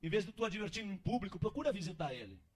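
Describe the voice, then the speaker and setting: A man voicing a devout wife who gives earnest, gentle advice. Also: high-pitched, sing-song, fast talker, breathy edge, exaggerated voice. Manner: earnest counsel.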